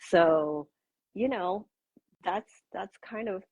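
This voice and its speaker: A woman in her sixties, a pro-age blogger, is a guest on a video call interview, talking casually and loosely with frequent fillers and laughs. Her mid-range voice is slow, darkish, and breathy. The recording is dry and lo-fi.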